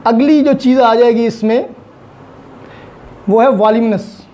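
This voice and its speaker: In this online lecture, a Pakistani-accented woman explains law didactically, drawing on everyday examples and slipping in English technical vocabulary. She speaks at a measured pace in a warm voice that sits on the high side.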